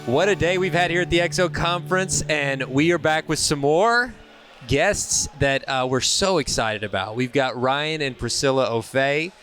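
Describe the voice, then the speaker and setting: A man's voice: on the high side, normal speed, fairly bright tone, faint music behind. Upbeat man co-hosting an interview. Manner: enthusiastic, effusive. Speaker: podcast co-host. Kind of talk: conference interview. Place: marriage conference.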